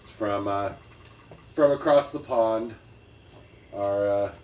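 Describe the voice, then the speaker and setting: A low-pitched man on a casual podcast, stumbling over repeated words as he retells movie scenes. He sits away from the mic in a roomy, echoing space, with faint noise behind him. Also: slow, distant mic. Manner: stammering restarts, animated retelling of scenes. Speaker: podcast co-host. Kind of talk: casual chat.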